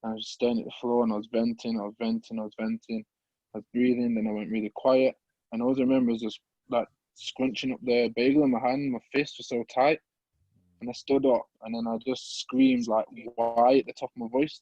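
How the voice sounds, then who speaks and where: A young man from the Midlands, a podcast guest telling an emotional personal story, halting and repeating words as he holds back tears. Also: mid-range voice, little pitch movement, warm tone, no echo, muffled recording. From English Midlands.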